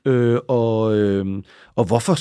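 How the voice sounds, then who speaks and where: A man's voice: medium pitch, fairly even intonation, dark tone, smooth, dry recording, clean studio sound. A man talking casually as an interview guest, rambling and often checking in with little tag questions and restarts.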